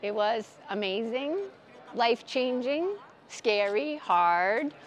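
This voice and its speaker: A woman's voice: fairly high pitch, expressive, takes it slowly. Earnest woman in her sixties, outdoors. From Massachusetts, United States. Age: 60s. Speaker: pilgrim interviewee. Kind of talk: street interview. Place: large stone city square outdoors.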